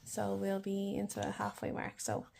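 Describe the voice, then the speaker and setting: A woman's voice: medium pitch, completely flat delivery, normal speed, creaky, darkish tone. A young adult woman with an Irish accent, chatting casually and in a rambling way, as in a video diary. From Ireland. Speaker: vlogger.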